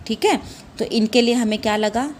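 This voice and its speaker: A woman's voice: fairly high pitch, steady tone, normal speed, a little mellow. Patient woman teaching a children's lesson. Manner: patient, repeats "ठीक है" and asks questions back; calls listeners "बेटा" and "बच्चों". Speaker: primary school Hindi teacher. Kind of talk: classroom lesson.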